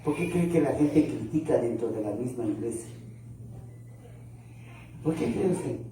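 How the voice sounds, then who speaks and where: A man preaching a lively sermon, acting out churchgoers in raised voices. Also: measured pace, a little hiss or hum. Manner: animated, acts out churchgoers in high voices, laughs through lines. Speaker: pastor. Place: church sanctuary. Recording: echoey church hall, far from mic.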